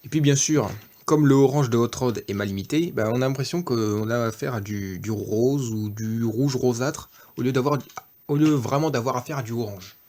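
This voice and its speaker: A man's voice: medium pitch, brisk, darkish tone. A man giving a casual off-camera toy review, hesitant, with many fillers and self-corrections.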